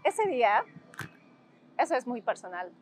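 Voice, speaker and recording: Reflective Mexican woman, higher voice. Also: very animated, unhurried, breathy edge. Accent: Mexican Spanish. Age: 40s. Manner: reflective, emotional, frequent tag questions. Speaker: interviewee, former student activist. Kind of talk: documentary interview recollection.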